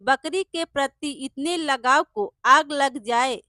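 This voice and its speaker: A woman voicing a sharp-tongued village wife who mutters scornfully to herself in a storybook tale. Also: high voice, slow, no room sound, studio quality, full character voice.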